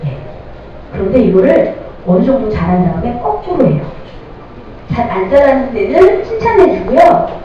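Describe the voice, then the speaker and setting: Middle-aged woman, parenting lecture, lively rising and falling voice, distant dull lo-fi mic, echoey noisy hall. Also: fairly high pitch, normal speed, long pauses. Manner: lively, addresses audience with questions.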